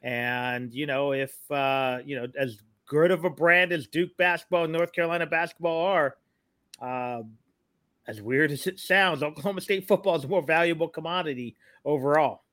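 Bright, forceful man talking college sports. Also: on the high side, normal speed, no echo, clean studio sound. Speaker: sports podcast co-host and analyst. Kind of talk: conversational sports commentary.

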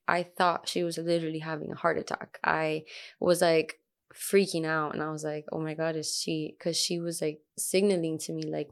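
A woman's voice: lowish voice, creaky. A young adult woman, a sound healer guest, telling a story in casual chat, full of fillers and quoted asides.

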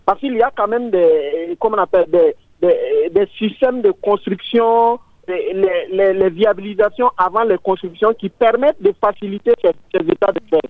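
A man's voice: sits high, moderate pace, no echo. A man calling in to a radio show over a phone line, giving an earnest opinion and repeating words while he looks for the right one. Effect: voice heard over a phone line on air. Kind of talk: call-in comment on a public issue. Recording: tinny dry phone line.

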